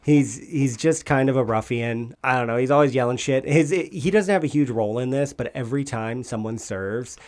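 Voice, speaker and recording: A man's voice: mid-range voice, moderate pace, hardly any pauses, darkish tone. A man in casual podcast chat, talking loosely and circling back on his words. He swears freely and breaks into laughter often. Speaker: podcast co-host.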